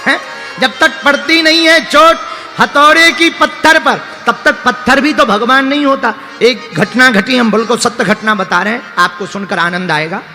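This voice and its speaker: A man's voice: extremely high pitch, moderate pace, bright, forceful tone. A male preacher giving a sermon, telling humorous stories and singing verses. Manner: humorous storytelling, sings verses. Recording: long hall reverb, faint music.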